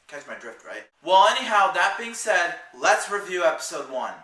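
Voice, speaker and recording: A man's voice: high voice, very animated, normal speed. A man talking through a casual movie review vlog, chatty and rambling, wandering off into side remarks. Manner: chatty, rambling, with sidetracked asides. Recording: roomy echo, mic at a distance.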